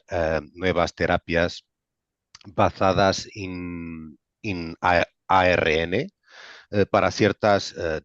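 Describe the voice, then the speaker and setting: A medical director with a non-native accent gives an informal, explanatory webinar presentation in Spanish in a low-pitched voice. He speaks haltingly, pausing often and repeating words, and the webinar audio sounds dull and roomy.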